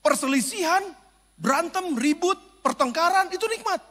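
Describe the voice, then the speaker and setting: Pastor guy preaching, really high bright voice, jokey, big echoey church hall. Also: normal speed. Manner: animated, joking, swings from loud preaching to low asides. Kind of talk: sermon.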